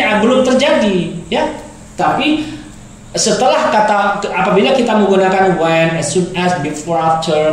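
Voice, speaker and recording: A man's voice: high-pitched, a little hiss or hum. A male teacher giving a grammar lesson, explaining patiently and repeating and rephrasing his examples. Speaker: English teacher. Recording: very echoey room.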